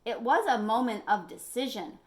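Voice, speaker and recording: This woman's voice sits a little high, and she reads at a normal speed with plenty of expression. As a librarian leading an animated storytime, she shares a picture book with young children and asks them questions to keep them involved.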